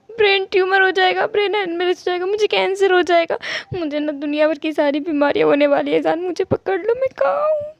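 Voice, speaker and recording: A woman reading a storybook puts on a panicked young man who is terrified of the dark, pleading and stammering through his lines. The voice sits high and crackles with a gravelly edge. The recording sounds muffled and lo-fi. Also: dry recording. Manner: pleading, stammering, repeats words. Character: frightened, clingy young man, scared of the dark.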